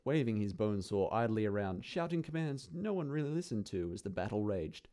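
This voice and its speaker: Dark-voiced man narrating dark fantasy. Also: on the low side. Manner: dry, theatrical, relishing delivery. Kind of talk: dramatic dark-fantasy storytelling.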